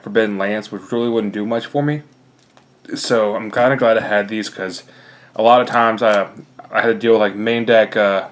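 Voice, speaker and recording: A young man, slightly out of breath, casually talking through his card deck with lots of fillers. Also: lowish voice. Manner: rambling, many fillers. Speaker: card game player.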